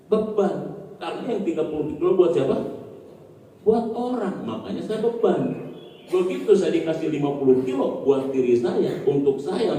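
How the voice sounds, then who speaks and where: Guy preaching in a mosque, chatty, asks the crowd stuff, super dark voice, echoey. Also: high voice. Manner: conversational, asks the audience questions. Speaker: Islamic preacher. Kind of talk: sermon after dawn prayer. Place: mosque hall. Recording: echoey hall, distant mic.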